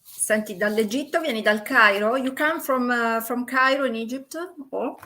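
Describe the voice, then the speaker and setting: A woman with an Italian accent interviewing a guest in English, which is not her first language, pausing often to search for words. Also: a little high, bright, forceful tone. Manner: halting, searching for words, many uhs. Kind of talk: interview questions.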